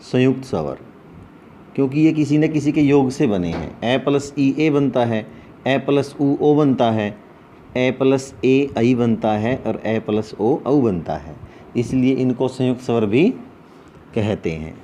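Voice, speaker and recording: A man teaching an online Sanskrit class, slowly listing sounds and posing questions to his students before answering them himself. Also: mid-range voice, animated, mellow, slight background noise. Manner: slow, repetitive, asks questions then answers them.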